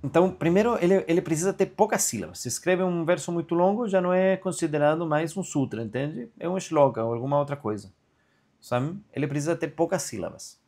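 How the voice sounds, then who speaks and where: Teaching Sanskrit grammar online through a video call, a man speaks in an expressive, fairly high and slightly mellow voice. He explains things patiently, frequently asking "entende?", and chants a verse slowly.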